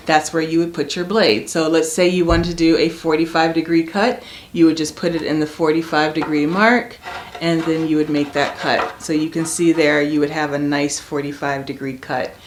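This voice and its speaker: A woman's voice: low voice, reverberant, slight background noise. A woman hosting a home DIY vlog, talking casually and chattily straight to her viewers as she explains things. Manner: chatty, addresses viewers directly. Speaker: DIY home makeover channel host.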